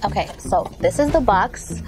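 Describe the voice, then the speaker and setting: A woman vlogger chats her way through unboxing and testing a microphone at home, with plenty of fillers and questions for her viewers. Her voice sits at a middle pitch, and music plays clearly behind her. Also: animated, normal speed, low-quality recording. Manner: chatty, filler-heavy, asks viewers for feedback. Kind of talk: casual unboxing and mic test. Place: indoor room with a fan. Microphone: camera mic and clip-on mic, changing distance.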